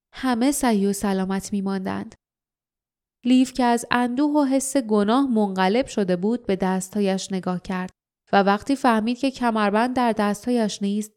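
A woman reads an audiobook in a calm, even manner. Her voice is warm and mellow, at a middle pitch for a woman. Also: clear, resonant tone. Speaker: audiobook narrator. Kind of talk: audiobook narration.

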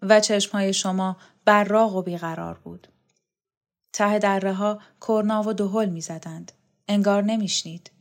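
Woman voicing a dreamy, devoted man reminiscing in an audiobook; soft and hushed. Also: medium pitch, steady tone, close to an everyday voice. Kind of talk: audiobook character reading.

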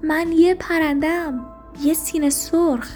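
A woman's voice: high-pitched, a little mellow, faint music behind. A woman voicing a petulant sixty-four-year-old man who insists he is a robin, in a storybook reading. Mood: gleeful. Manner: petulant, shooing, childish.

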